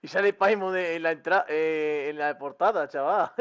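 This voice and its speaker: A man's voice: fairly high pitch, normal speed, smooth, lo-fi sound. A man commenting casually on a game he is playing, joking and laughing. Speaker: gaming streamer.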